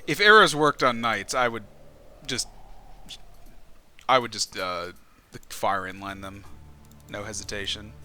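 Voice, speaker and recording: A man's voice: fairly low pitch, unhurried, long pauses, bright, forceful tone, soft background music. A man giving casual, wry commentary while he plays a video game. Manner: wry, joking. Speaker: game streamer.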